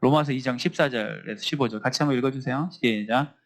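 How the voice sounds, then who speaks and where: A man's voice: medium pitch, fast talker. A man, a school chaplain, teaching a Bible class to students, acting out little scenes from the classroom as he speaks. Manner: lively, acts out teacher and student voices in quotes.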